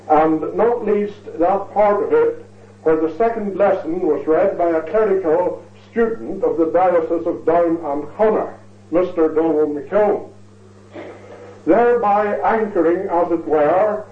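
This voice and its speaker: Man, high voice, formal lecturer, ornate delivery, heard through a thin, phone-like recording. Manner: measured, ornate, repeats phrases for emphasis. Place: lecture hall. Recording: tinny, echoey recording from far off.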